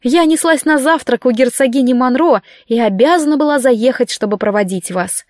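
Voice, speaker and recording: A woman voicing a cheerful, gracious queen with a brisk manner. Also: sits high, no room sound, studio quality, close to an everyday voice.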